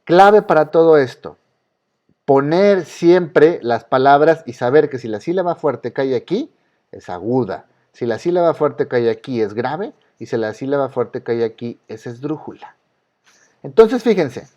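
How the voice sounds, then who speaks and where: A man's voice: medium pitch, lively intonation, measured pace, darkish tone, muffled recording. A male teacher with a Mexican accent giving an online class, patiently repeating the rules and quizzing his students. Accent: Mexican Spanish. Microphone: video call.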